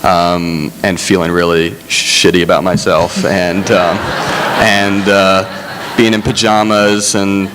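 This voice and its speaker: A man speaking as a screenwriter on a festival panel, halting and self-deprecating, with many restarts. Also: deep voice, flat delivery. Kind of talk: panel discussion. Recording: hall reverb, faint hum.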